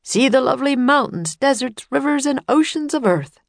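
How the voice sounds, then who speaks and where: A grand, sing-song tour guide calling out the sights from a megaphone, as a woman reads him. The voice rides high and loud, with a gravelly edge. It sounds dry and close. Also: animated, moderate pace, no room sound. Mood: announcing.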